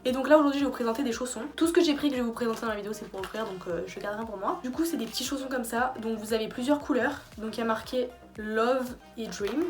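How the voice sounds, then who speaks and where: A young woman in a casual gift-idea vlog, tired late at night, chatty and rambling with fillers and restarts. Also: a little high. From France. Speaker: YouTuber. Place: small bedroom.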